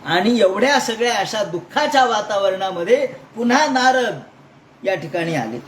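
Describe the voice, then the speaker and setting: A man from Maharashtra gives a storytelling discourse on scripture, his voice pitched high for a man. He acts out the story dramatically, shifting between voices and asides. He is recorded in an echoey room with a faint noise floor. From Maharashtra, India. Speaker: scripture lecturer.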